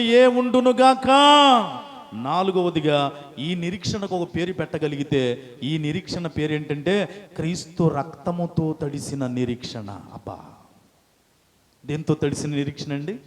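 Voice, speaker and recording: A man's voice: a little high, a little mellow, in a large hall. A male pastor preaching a call-and-response sermon, rousing the congregation to repeat after him.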